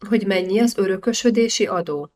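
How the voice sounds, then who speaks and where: A woman's voice: medium pitch, a little mellow, lightly acted. A woman reading the lines of a bold young man who angrily rebukes a cheating official. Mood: indignant. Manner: cutting, righteous rebuke.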